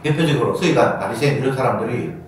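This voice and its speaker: A man preaching a sermon as pastor, animated and acting out quoted voices with sudden high bursts. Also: fast talker. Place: church sanctuary. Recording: echoey church hall from far off, faint noise.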